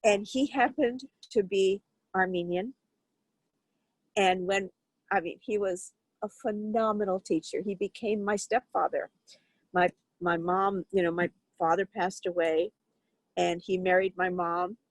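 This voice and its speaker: A woman's voice: mid-range voice, fairly even intonation, a little slow, dry recording, rough recording. An older woman from Turkey, a violinist, telling her life story in an interview in a reflective way, with frequent fillers and restarts. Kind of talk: conversational interview.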